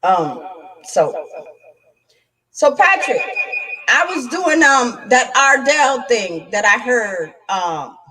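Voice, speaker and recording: A woman's voice: on the high side, very animated, takes it slowly, pauses often, sharp tone, recorded from a distance. A woman hosting her own channel in a loose, tipsy mood, laughing and breaking into song between casual chat. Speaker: channel host. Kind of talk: casual livestream chat with singing.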